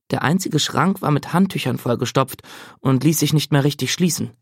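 A man reading a novel aloud as narrator, steady and measured. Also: fairly high pitch, dry recording, studio quality. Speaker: audiobook narrator. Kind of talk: scripted narration.

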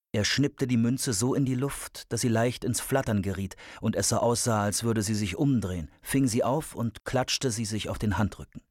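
A man reading an audiobook aloud with steady, measured storytelling. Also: lowish voice, no echo, studio quality. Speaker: audiobook narrator. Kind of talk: scripted narration.

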